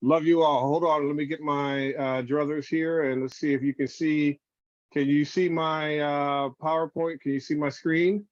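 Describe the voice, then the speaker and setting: A man's voice: fairly high pitch, flat delivery, moderate pace, dry recording. A man who is a reverend presents a spiritual lecture over a video call, addressing listeners as family, heard in a screen recording. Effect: video call audio in a screen recording. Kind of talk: spiritual lecture to an online audience. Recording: dull, dry video call audio.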